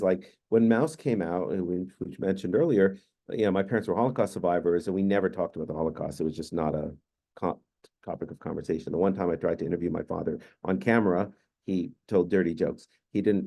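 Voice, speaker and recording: Speaking low and with a creaky edge, a Hungarian-born man in his fifties hosts a panel discussion held over video call. His storytelling is calm and unhurried.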